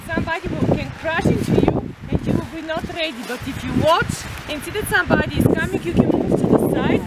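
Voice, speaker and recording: A woman's voice: extremely high pitch, fast. A woman ski instructor, patiently explaining slope safety outdoors, recorded on a distant camera. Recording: distant camera audio with loud wind noise.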